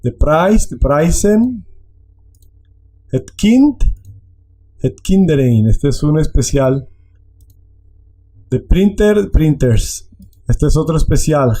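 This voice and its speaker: A man's voice: fairly high pitch, expressive, slow pace, pauses often, dark tone. A man teaching a language class, explaining patiently and repeating words to drill them.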